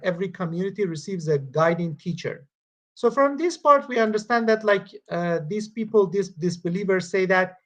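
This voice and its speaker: A Farsi-speaking man presents in a Quran study group over video call, reading verses and commenting on them. His high-sitting voice is halting, with frequent pauses and restarts.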